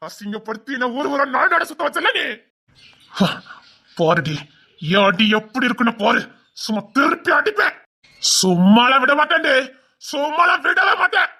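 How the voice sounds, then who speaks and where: A man's voice: sing-song, moderate pace, gravelly, long pauses, heavily acted. A man with a Tirunelveli Tamil accent, voicing a wronged and vengeful husband in a dubbed family drama, scolding bitterly. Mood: seething. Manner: bitter, scolding, swinging between shouts and low mutters.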